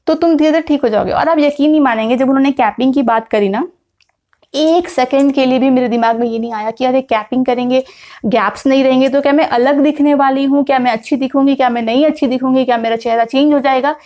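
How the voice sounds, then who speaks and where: A young woman from India talks to camera in a relaxed, chatty vlog, dropping English words in as she goes. Her voice sits a little high, and her delivery is loose and conversational with frequent fillers. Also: fast talker. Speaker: vlogger. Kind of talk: casual talking-to-camera vlog.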